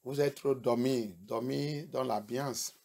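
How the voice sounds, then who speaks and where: A man's voice: medium pitch, takes it slowly, creaky. Man preaching a bilingual sermon. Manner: switches between English and French, rising to shouts; rhetorical questions to the congregation. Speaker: pastor.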